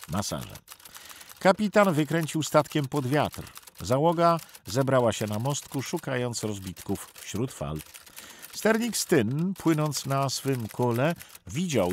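A man's voice: medium pitch, a little hiss or hum. A man giving tense, vivid documentary narration of a sea rescue. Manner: tense, vivid storytelling that acts out the shouted orders.

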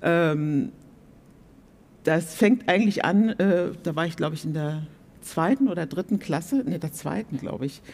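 A woman in her sixties, a guest on a theatre stage, telling her story in a reflective, animated way. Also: low voice, a little slow. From Germany. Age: 60s. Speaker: panel guest. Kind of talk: stage panel talk.

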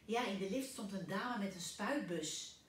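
A woman's voice: mid-range voice, animated, a little slow, a little hiss or hum, lightly acted. A woman voicing an eager, curious young boy in a storybook. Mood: earnest. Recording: echoey room, distant mic.

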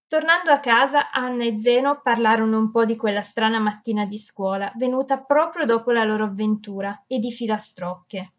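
A woman narrates a children's story in a fairly high, expressive voice. Her read-aloud is lively, with small slips she corrects as she goes. The recording sounds somewhat dull and lo-fi. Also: normal speed, hardly any pauses. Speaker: audiobook narrator.

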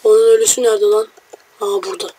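A young man giving casual, joking let's-play commentary, brash and quick to swear at enemies while talking to his viewers. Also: sits high, flat delivery, dark tone, slightly rough, dry recording. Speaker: gamer.

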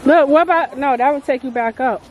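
A woman's voice: high-pitched, fairly quick, crowd noise, rough recording. A woman vlogging on a handheld phone outdoors in a corn maze, chatty and out of breath, narrating to the camera. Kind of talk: casual vlog chat. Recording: outdoor phone audio with background noise.

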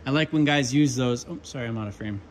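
In a workshop with a pegboard and workbench, a young HVAC controls tech chats casually as he goes through his tool bag, relaxed and full of ums and asides. His mid-range voice moves at a quick pace, and there's a little hiss or hum on the recording.

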